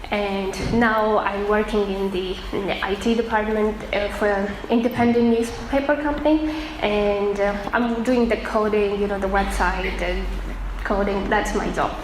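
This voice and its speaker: A woman from Afghanistan giving an earnest personal testimony, pausing often with fillers. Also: mid-range voice. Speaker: testimony speaker. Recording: echoey room with faint noise.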